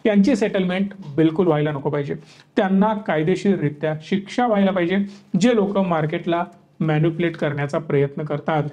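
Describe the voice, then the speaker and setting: High-pitched man lecturing on markets. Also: warm tone. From Maharashtra, India. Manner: rhetorical, questioning, listing points in rapid series. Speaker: stock market educator. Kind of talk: opinion talk to camera.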